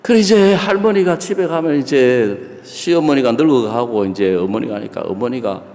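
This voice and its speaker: A male pastor preaching in a storytelling sermon, dropping to hushed tones for effect. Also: mid-range voice, moderate pace. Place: church sanctuary. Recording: reverberant church hall.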